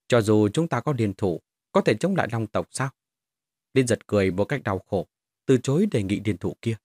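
A man's voice: fairly low pitch, a little mellow, husky, no echo, studio quality. A man reading a fantasy novel aloud as scripted audiobook narration.

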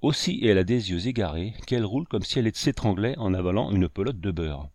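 A man reading aloud and voicing a sharp-tongued old grandmother who scolds in a shrill tone. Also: animated, fairly quick, no echo. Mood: scolding.

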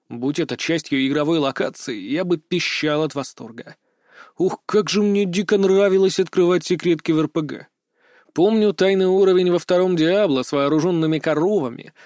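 Man, audiobook narrator, first person, expressive, higher voice, dry close mic. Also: no echo.

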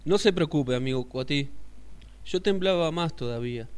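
A man voicing a small, stubborn male louse who shouts defiantly in a storybook tale. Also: on the high side, lively intonation, moderate pace, clear, resonant tone, lightly acted. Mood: frank.

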